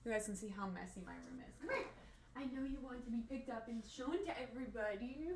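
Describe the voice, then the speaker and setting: A woman's voice: on the high side, quick pace, background noise. A young woman chatting casually on a live stream from her room at home, rambling and cooing baby-talk at her dog. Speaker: livestreamer.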